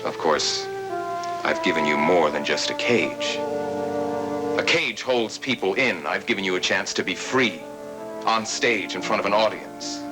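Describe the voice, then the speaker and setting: An actor playing a possessive, menacing, wounded lover in an early eighties television soap opera. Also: male voice, low voice, expressive, a little slow. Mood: wounded, insistent. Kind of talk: 1980s TV soap opera acting. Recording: old TV soundtrack with loud music.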